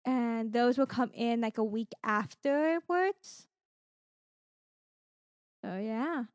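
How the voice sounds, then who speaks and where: Speaking slowly in a fairly high voice, this podcast co-host rambles through a casual conversation about gaming streams and giveaways. She brings her anecdotes to life by acting out what people said. The studio audio is clean and echo-free.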